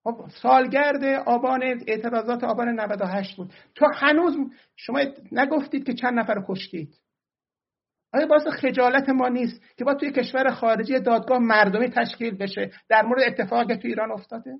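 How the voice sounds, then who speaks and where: A man's voice: very high voice, gravelly, slightly rough, lo-fi sound. A man giving argumentative political commentary and answering audience questions, often turning heated and emphatic.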